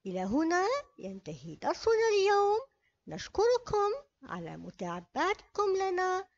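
A woman teaching a children's reading lesson, reading slowly and carefully and drawing out each word. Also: extremely high pitch, wildly swooping pitch. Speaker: primary school teacher. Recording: dull lo-fi recording.

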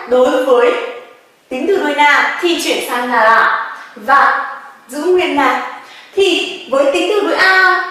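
A woman teaches a grammar lesson in a high voice. She drills each word slowly and keeps asking her students questions. She sounds far from the mic, in a very echoey room. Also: fairly bright tone. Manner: drills words slowly, asks the class questions often. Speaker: Japanese language teacher.

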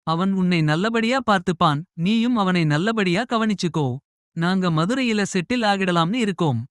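A man voicing a gentle, firm mother. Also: high-pitched, moderate pace, smooth, no echo, clean studio sound, pitched above the performer's own voice, close to an everyday voice. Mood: tender. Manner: soft scolding, tender and reassuring. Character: caring middle-aged mother, gentle but firm.

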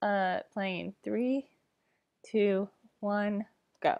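Slow-talking young woman, hesitant and rambling. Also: medium pitch, gravelly, a little mellow, muffled recording. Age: young adult. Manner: hesitant, rambling, trailing off with sighs. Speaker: reaction vlogger. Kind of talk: casual reaction commentary. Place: small bedroom, indoors. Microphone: laptop webcam mic.

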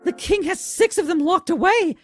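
A woman's voice: extremely high pitch, normal speed. A woman voicing a childlike male talking flower, bitter and scheming, in a dramatic cartoon fan dub. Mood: intent.

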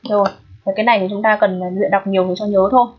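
A woman with a slightly husky voice talks students through a pronunciation lesson. She is patient and often checks in with them through quick questions. The recording is dull and lo-fi. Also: mid-range voice, fairly even intonation. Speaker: English teacher.

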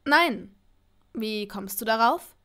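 A woman voicing a young man in an audiobook, a teasing, laid-back charmer who speaks low and relaxed. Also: normal speed, natural voice. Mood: easygoing.

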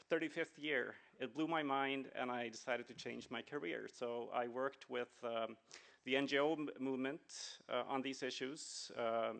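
A man's voice: medium pitch, gravelly, fairly bright tone. A middle-aged man from Sweden and Venezuela, speaking earnestly at a conference with many fillers and restarts. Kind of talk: conference talk.

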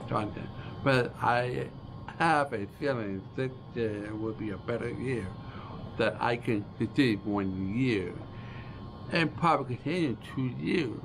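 A deaf man in his forties vlogging to camera in slow, halting speech, restarting phrases as he talks. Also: mid-range voice, gravelly, noisy background. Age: 40s. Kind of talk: casual vlog talk to camera. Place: small dim room with a starry backdrop. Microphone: camera close in front of face.

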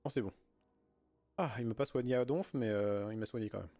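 A man's voice: mid-range voice, fairly quick, dark tone, no echo, soft background music. A man in his thirties giving casual, muttered let's play commentary in crude slang on a headset mic. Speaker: gaming streamer.

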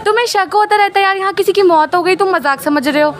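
A woman's voice: very high-pitched, quick pace, a faint crowd. A young woman on a staged prank phone call, insistent, annoyed and pleading. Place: metro train. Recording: crowded noisy metro carriage.

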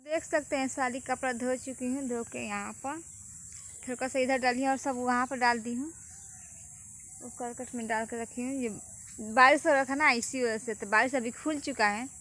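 A woman's voice: fairly high pitch, fairly even intonation, normal speed, fairly bright tone. A woman vlogging her daily chores at a rural home, chatting to viewers and pointing things out as she works, recorded outdoors on a phone. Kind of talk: casual daily-life vlog narration. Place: rural home yard outdoors during rainy season.

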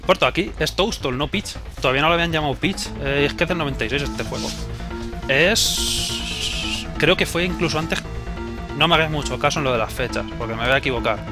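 A man's voice: fairly high pitch, fairly quick. A young man with a Spain Spanish accent commenting live on a video game he plays, casual and joking, swearing freely. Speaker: gamer. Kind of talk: live let's play commentary. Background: video game music.

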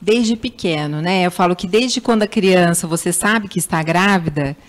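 A woman's voice: fairly low pitch, moderate pace. A Brazilian woman speech therapist answering interview questions, patiently explaining child language development. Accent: Brazilian Portuguese. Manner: patient, explanatory, acts out parents' baby talk.

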